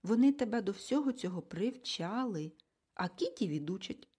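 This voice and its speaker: A bossy, brisk mother figure from a storybook, as a woman reader puts her on. She talks in an emphatic, commanding, impatient way, with a mellow, slightly husky tone that swings widely in pitch. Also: animated. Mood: forceful. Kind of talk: audiobook character reading.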